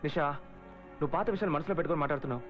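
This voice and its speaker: A man's voice: on the high side, rapid-fire, music in the background, lightly acted. An actor playing a young man who pleads earnestly to get his injured friend admitted. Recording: dull movie audio with score.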